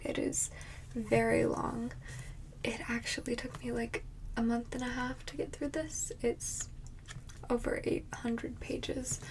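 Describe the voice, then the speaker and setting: A woman in an ASMR role-play as a friendly librarian, chatting casually and haltingly in a soft, breathy soft voice. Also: a little hiss or hum. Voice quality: soft, breathy soft voice with some low voicing.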